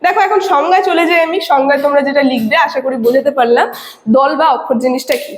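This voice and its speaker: A woman with a high voice teaches a lesson, taking it step by step and pausing to check that students follow. The sound is roomy with a long reverb, as if recorded in a bare classroom. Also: fairly even intonation. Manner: explains step by step, often checks in with 'okay'. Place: classroom with a board. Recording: echoey room with long reverb.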